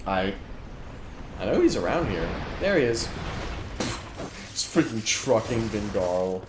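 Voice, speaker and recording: A man's voice: lowish voice, sing-song, slow. Exasperated ranting male streamer. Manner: exasperated ranting, frequent restarts. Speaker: gaming streamer. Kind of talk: live let's-play commentary. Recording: echoey room with background noise.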